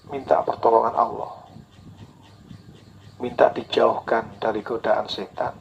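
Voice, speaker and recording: A man's voice: medium pitch, creaky. A man preaching a sermon, earnest and repetitive, acting out tearful prayers now and then. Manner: earnest, repeats key phrases, acts out tearful prayers. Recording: dull lo-fi recording with faint hiss.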